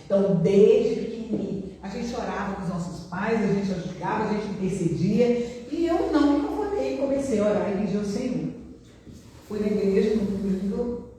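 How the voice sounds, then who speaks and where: A woman's voice: mid-range voice, normal speed, dark tone, a little hiss or hum. A middle-aged woman giving an emotional testimony in a church, acting out the voices in her story. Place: church hall. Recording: echoey church hall, distant mic.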